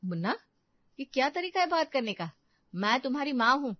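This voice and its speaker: A woman's voice: high voice, big pitch swings, a little fast, dry recording. A woman voicing a worried mother in a cartoon who pleads for her daughters. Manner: pleading, earnest. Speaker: mother character and narrator. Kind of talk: cartoon voice acting. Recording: dull dry recording.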